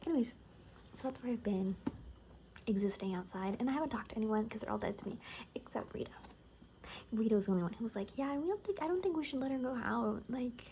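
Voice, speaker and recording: Quick-paced and expressive, this higher-pitched female voice carries an ASMR roleplay of a gossipy, cocky apocalypse survivor. She speaks softly and breathily, rambling in a casual way and frequently sinking into whispers, over a faint hiss or hum.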